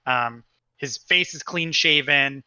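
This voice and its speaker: A man's voice: medium pitch, takes it slowly, bright, forceful tone, smooth, dry recording. A man narrating a tabletop game as game master, in a casual, rambling way with lots of fillers.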